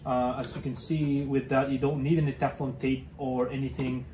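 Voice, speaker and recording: A man's voice: mid-range voice, little pitch movement, normal speed, roomy sound, noisy background. A young man hosting a casual how-to demonstration, talking hesitantly with many fillers and restarts while he works with his hands in a cluttered garage. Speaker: DIY car channel host.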